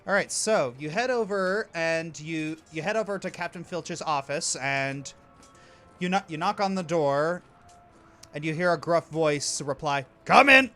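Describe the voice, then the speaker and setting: A man's voice: fairly high pitch, a bit bright, faint music behind. A man narrating a tabletop game casually as game master, often backtracking on his sentences. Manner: halting, backtracking.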